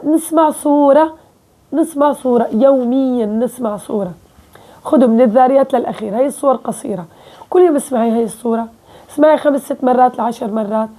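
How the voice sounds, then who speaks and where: A woman's voice: fairly high pitch, warm tone. A woman with a Levantine Arabic accent teaching Quran recitation in a casual spoken lesson, explaining step by step and often checking in with her listeners.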